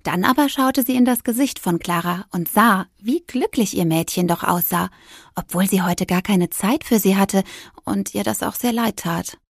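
A woman narrating a children's story with gentle, lively storytelling. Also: medium pitch, moderate pace, gravelly, no echo, clean studio sound.

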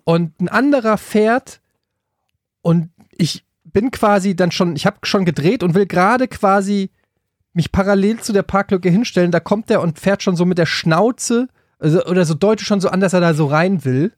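A man from Frankfurt tells a story on a podcast, his voice sitting a little high for a man. He rambles and restarts, then gets heated. The sound is close and dry, with no room in it. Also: moderate pace, no echo. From Frankfurt, Germany. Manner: rambling, with many restarts and hesitations, getting worked up as the story builds. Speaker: podcast co-host. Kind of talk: casual storytelling chat.

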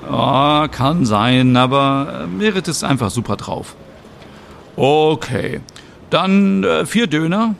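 A man doing a halting, eager fellow. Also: fairly high pitch, lively intonation, vocal fry, slight background noise, voice pushed up, heavily acted. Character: hesitant cheerful man.

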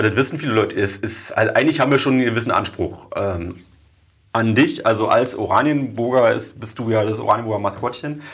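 Lively-voiced man hosting a chat. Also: lowish voice. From Berlin. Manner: joking, relaxed. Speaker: podcast host. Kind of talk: casual interview chat. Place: small office.

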